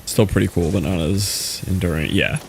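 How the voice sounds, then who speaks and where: A young man chats his way through a live game stream in a low, gravelly voice. He rambles in a laid-back way, filling gaps with "like" and "you know." A faint hiss sits under the recording. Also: fairly even intonation, moderate pace. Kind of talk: casual live-stream commentary while playing.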